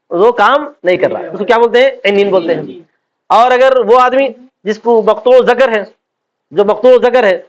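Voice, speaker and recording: A man teaching a religious law class, constantly asking his students whether they follow and acting out quoted speech. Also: high-pitched. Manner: asks students constant check questions; acts out quoted speech in everyday voices. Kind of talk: classroom lecture on Islamic law. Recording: dull lo-fi lecture recording.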